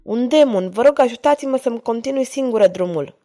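A woman's voice: fairly high pitch, expressive, dark tone, voice pushed up, lightly acted. A woman voicing a frightened, noble young lady of eighteen who pleads in a trembling voice. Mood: pleading.

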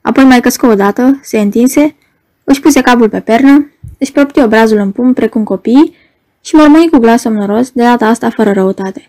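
A woman narrating a novel in a steady, scripted audiobook reading. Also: on the high side.

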